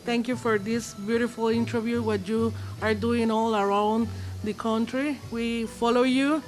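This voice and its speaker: Woman from Guatemala, shop owner, soft-spoken, somewhat high voice. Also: steady tone, measured pace. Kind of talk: casual interview answers.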